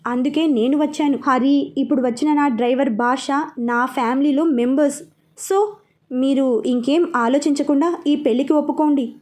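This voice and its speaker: A self-assured young woman who comes straight to the point, as a woman storyteller plays her. The voice is high and clear and the delivery composed. She sounds close to the teller's own voice. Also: moderate pace, a little mellow, close to an everyday voice. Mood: earnest. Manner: direct, composed. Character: confident young woman, famous dance master.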